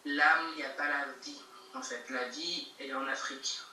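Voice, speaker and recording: A guest rapper from Geneva, Switzerland, this young woman answers interview questions casually over a video call, emphatic, prone to repeating herself and laughing between points. Her deep voice is bright and forceful with a steady tone at normal speed, while the call audio sounds echoey and distant with faint noise.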